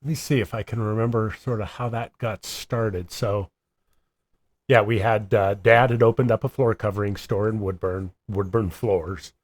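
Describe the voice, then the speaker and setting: A man's voice: fairly low pitch, steady tone, normal speed. A man co-hosting a podcast, telling a family story in a rambling, casual way, full of fillers and chuckles.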